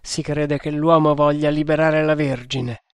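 A man's voice: a little high, fairly even intonation, a little slow, smooth, no room sound. A man doing a fanatical cult sentinel. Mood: solemn menacing. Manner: loud, solemn, fanatical. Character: grim male cult sentinel, fanatical and menacing.

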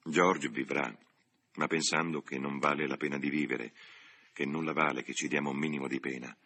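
A sorrowful old widower in a storybook reading, put on by a male narrator. The voice sits extremely deep and husky yet bright at the edges. He confides slowly and frankly, with a gentle, weary warmth. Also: steady tone, full character voice. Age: over 60.

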